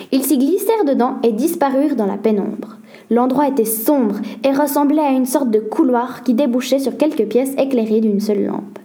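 A woman reading a children's mystery story aloud as a steady, even narrator. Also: on the high side.

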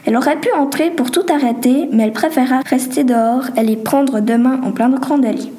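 A woman reading a homemade story aloud in a plain, slightly halting way. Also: high voice, dark tone.

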